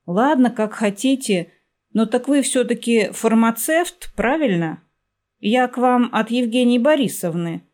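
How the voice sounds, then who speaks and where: A woman voicing a fussy young customer who speaks in a peevish, exclaiming way, a bit higher than her narration. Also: expressive, unhurried, darkish tone.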